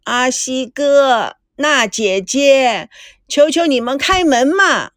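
A sulky young sister, high-pitched and whining through a crying tone, swinging widely in pitch, as a woman narrator puts her on. The reading is close and dry, with no room sound. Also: lively intonation, slow, fairly bright tone, dry recording, full character voice. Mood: whiny pleading. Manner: pleading, crying tone.

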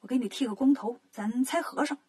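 Casting: a woman doing a cheeky storybook monkey king, breezy and confident, light high breathy tone. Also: brisk, mellow. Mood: playful. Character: cheeky male monkey king, quick and playful.

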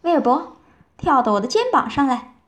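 A woman reading aloud, voicing a cheerful, excitable female witch who keeps exclaiming eagerly. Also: high-pitched, moderate pace. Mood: excited.

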